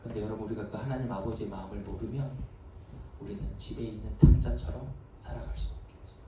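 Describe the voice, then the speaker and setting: A male pastor preaching a sermon, telling a story dramatically and swinging from soft, hushed lows to emphatic peaks, recorded at a service in a large church hall. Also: steady tone, fast talker, distant mic, slight background noise. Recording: echoey hall, voice from afar.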